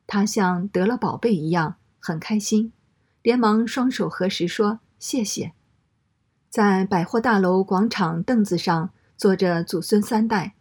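A woman reading a first-person story aloud in a steady, matter-of-fact way. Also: mid-range voice, unhurried, slightly rough.

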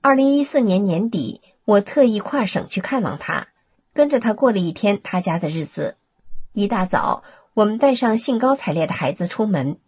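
A woman reading a first-person testimony aloud in a steady, earnest storytelling manner. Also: mid-range voice, slightly rough, dry recording. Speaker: narrator.

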